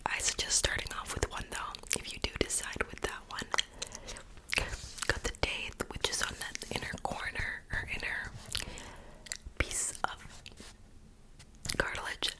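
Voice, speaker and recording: A woman performs a whispered role-play for ASMR, playing a piercer with a client. Her voice is a breathy, fully unvoiced whisper. She chats softly and casually, in a reassuring way. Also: measured pace, pauses often, low-quality recording. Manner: soft, casual, chatty, reassuring.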